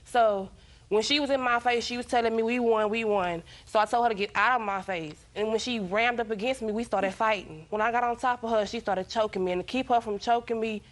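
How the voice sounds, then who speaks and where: A woman's voice: on the high side, fast talker. A young woman testifying in a TV court as a defendant, defensive and self-justifying as she complains. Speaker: defendant in a small-claims TV court.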